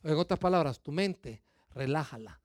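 A middle-aged man preaching a sermon, lively, firing questions at the congregation and acting out their excuses. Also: fairly high pitch, moderate pace, no echo, studio quality. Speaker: pastor.

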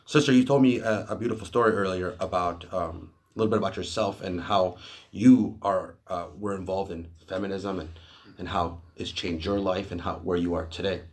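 A man hosting a faith podcast in a studio, chatting conversationally and reading quotes slowly. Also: low-pitched, fairly even intonation. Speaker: podcast host. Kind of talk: casual podcast chat.

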